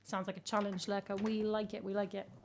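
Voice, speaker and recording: An English singer-songwriter with a croaky, mid-range voice chats casually with her live-stream audience, teasing herself and humming bits of melody. Her delivery is flat and brisk, with background noise present.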